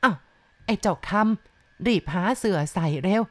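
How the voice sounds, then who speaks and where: Woman doing a slow, blunt old village granny. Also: medium pitch, fairly bright tone. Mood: hurried. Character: blunt old village grandmother, coarse-spoken.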